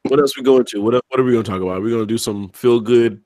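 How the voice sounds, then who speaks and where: A man's voice: mid-range voice, very fast, over a noisy crowd. A man co-hosting a podcast in a casual, joking, loose way, swearing now and then. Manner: laid-back, joking, swears freely. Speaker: podcast co-host. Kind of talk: casual chat.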